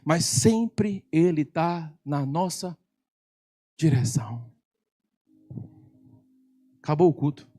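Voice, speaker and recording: A man with a Brazilian Portuguese accent preaching a sermon at a church service, telling a story in an animated, teasing way that often gets loud. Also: a little high, slow pace, pauses often. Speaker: pastor.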